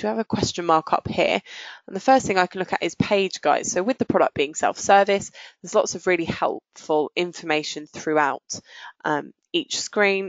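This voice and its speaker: In a live product demo, a female software demonstrator explains every step with a casual, businesslike manner. She has a low, creaky voice, captured in a dry recording that sounds dull.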